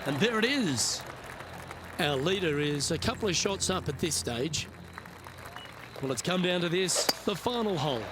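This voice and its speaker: A man performs a courteous golf play-by-play announcer for a video game. His voice sits a bit high and his calls are measured. Clear background noise of the outdoors runs behind him. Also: expressive, crowd noise, close to an everyday voice. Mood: measured commentary. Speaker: golf commentator.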